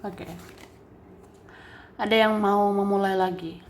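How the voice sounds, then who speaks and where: A woman giving a general tarot reading straight to the listener in a relaxed, chatty way, with many fillers and soft laughs. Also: mid-range voice, takes it slowly. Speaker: tarot reader.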